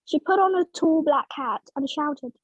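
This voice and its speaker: A woman from Vietnam narrating a children's storybook in English for learners, slow and clear. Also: sits high, no room sound, dull audio.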